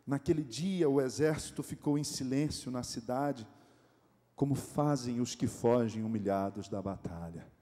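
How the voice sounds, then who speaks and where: A pastor with a Brazilian accent preaching a sermon in a church, animated and joking, often asking the congregation rhetorical questions. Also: male voice, medium pitch, normal speed. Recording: echoey church hall.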